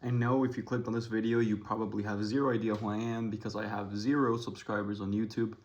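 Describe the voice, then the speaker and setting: A man's voice: on the low side, flat delivery, fast talker, lo-fi sound. A young man from Ecuador rambling casually to camera, thinking aloud with many restarts and self-deprecating asides. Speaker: vlogger.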